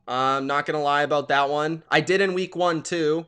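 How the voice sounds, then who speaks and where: A young man hosting a live play-by-play reaction stream, chatty and excitable, greeting viewers by name as he calls the plays. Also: a little high, moderate pace, clean tone.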